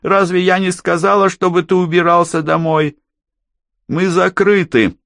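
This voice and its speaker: A man voicing a short, stocky woman bartender with a hoarse, gruff voice who barks orders, in an audiobook. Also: high-pitched, fairly even intonation, a little slow, dry recording, studio quality, pitched above the performer's own voice, full character voice. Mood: irritated. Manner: barking, shouting orders.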